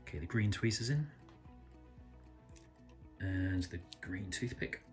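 A man calmly reviewing a small pocket knife, thinking aloud and correcting himself as he goes. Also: sits low, slow, soft background music. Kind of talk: casual product review narration. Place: indoors at a table, filming hands close up.

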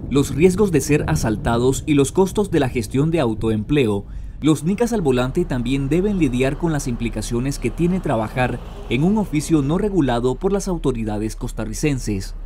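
A male reporter reads scripted news narration in a measured, informative tone. His voice is mellow and dark. A faint hum of vehicles sits underneath it. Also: mid-range voice, animated.

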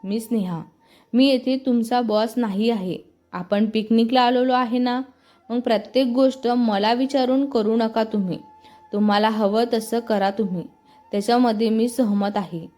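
A woman voicing a relaxed young man, a boss who speaks politely and easily. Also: fairly high pitch, moderate pace, faint music behind, natural voice. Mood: easygoing. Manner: calm, polite, easygoing.

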